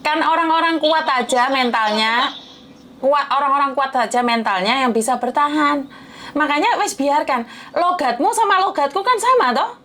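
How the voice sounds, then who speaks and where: A woman host giving motivational advice in a coaxing, rough-spoken way. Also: sits high, normal speed, sharp tone. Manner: coaxing, calls listener "sayang", rough-spoken.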